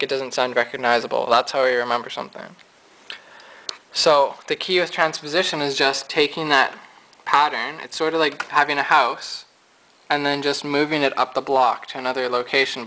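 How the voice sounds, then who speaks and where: A man's voice: medium pitch, pushed and bright, poor audio. A man giving a casual, chatty piano lesson, explaining his points at the keyboard. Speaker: music teacher. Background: piano notes.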